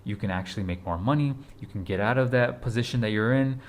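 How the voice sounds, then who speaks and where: Fast and fairly low-pitched, a twenty-something man gives a casual motivational talk to camera as a fitness vlogger. His delivery is urgent, repetitive and blunt, with casual swearing.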